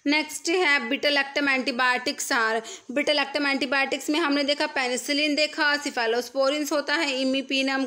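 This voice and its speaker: High-voiced woman tutoring pharmacy MCQs. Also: bright, forceful tone. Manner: explains each answer and repeats key terms. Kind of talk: screen-recorded MCQ lesson. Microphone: voice-over on screen recording.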